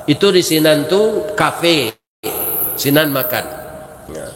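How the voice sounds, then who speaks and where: A man with a Minangkabau accent preaching a humorous storytelling sermon in a mosque, lively and rhetorical, often asking his listeners "right?". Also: a little high, slow. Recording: echoey mosque hall.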